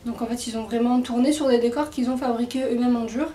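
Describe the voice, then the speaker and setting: A woman's voice: fairly high pitch, steady tone, quick pace, mellow, recorded from a distance. Hesitant woman in an echoey room. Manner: hesitant, many fillers. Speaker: book reviewer. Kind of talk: casual book presentation. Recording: echoey room, away from mic.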